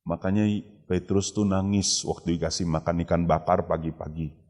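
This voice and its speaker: A man preaching a sermon as a pastor, chatty in tone, dropping to hushed asides and then rising to emphatic, raised lines. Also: low-pitched, steady tone, normal speed. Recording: long hall reverb.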